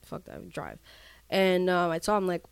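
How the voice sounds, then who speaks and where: A woman's voice: on the low side, a little fast, creaky, clean tone, dry recording. A woman, co-hosting a podcast and telling stories in casual chat, acting out the dialogue. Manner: animated storytelling, acts out quoted dialogue. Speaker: podcast co-host.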